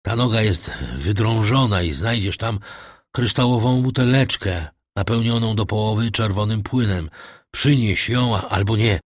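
A man's voice: normal speed, dry recording, clean studio sound, natural voice. A man voicing a sick old priest. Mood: urgent, weakening. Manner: low strained urgent pleading. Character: old male priest prisoner, gravely ill, desperate. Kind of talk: audiobook character voice.

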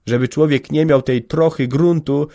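A man's voice: on the high side, normal speed, voice pushed up, lightly acted. A man doing a grumbling, talkative village organist. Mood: complaining. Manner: lively, grumbling, raised voice. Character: middle-aged village organist, complaining and talkative.

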